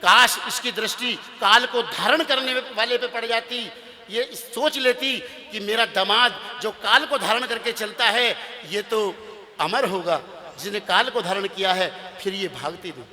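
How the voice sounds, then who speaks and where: A male preacher voicing Lord Shiva, a calm divine bridegroom who patiently explains himself. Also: high-pitched, a little slow, long reverb tail, pitched above the performer's own voice, full character voice. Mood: patient explaining.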